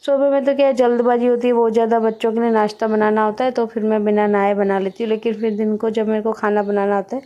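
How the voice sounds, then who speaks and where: A woman talks through her daily routine as a home vlogger, in a chatty, step-by-step way. Her voice sits a little high, with a soft, mellow tone. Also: little pitch movement, fast, hardly any pauses, lo-fi sound. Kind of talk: casual home vlog narration.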